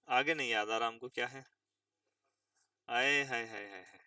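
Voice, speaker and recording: Bright-voiced male English tutor, far from mic. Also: mid-range voice, no room sound. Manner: slow drawn-out reading of English phrases, spells words aloud. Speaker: English teacher. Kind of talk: vocabulary lesson explaining English news words.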